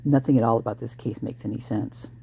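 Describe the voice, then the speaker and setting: A hoarse true crime commentator speculating casually and thinking aloud, breaking into exclamations at sudden ideas. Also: medium pitch, fairly even intonation, fast, warm tone, a little hiss or hum.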